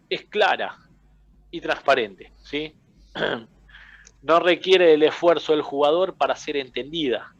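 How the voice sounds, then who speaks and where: A man's voice: a little high, highs cut off. A man with an Argentine accent teaching a coaching class, explaining with everyday examples and often checking in with his listeners. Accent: Argentine Spanish. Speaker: football coaching instructor. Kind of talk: casual classroom lecture.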